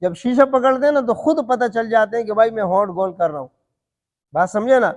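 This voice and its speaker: A man teaching Quran recitation rules, asking his students questions and answering them himself, and stretching out letter sounds to show them. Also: sits high. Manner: demonstrates letter sounds slowly. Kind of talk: tajweed lesson. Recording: long hall reverb.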